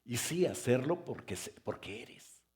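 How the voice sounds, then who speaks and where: A man preaching a sermon as pastor, firing rhetorical questions and joking asides, now loud and emphatic, now quiet. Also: mid-range voice, very animated, measured pace. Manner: swings between loud emphatic stress and soft quiet stretches.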